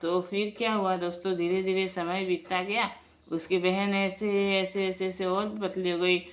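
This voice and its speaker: A woman's voice: medium pitch, little pitch movement, normal speed. Chatty woman telling a family folk tale. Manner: chatty, addresses listeners as friends, emotional exclamations. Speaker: storyteller. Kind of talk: casual spoken folk storytelling.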